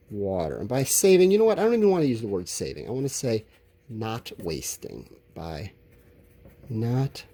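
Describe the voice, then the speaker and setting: An elementary school teacher gives children an informal lesson, thinking aloud while writing answers and offering simple, encouraging explanations. His voice is mid-range and warm.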